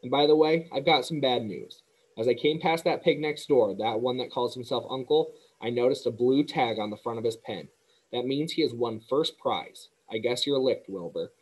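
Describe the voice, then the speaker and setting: A man reading aloud and voicing a greedy, snide male rat with a husky, hoarse voice. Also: medium pitch, moderate pace, darkish tone, natural voice, poor audio. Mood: gloating, snide.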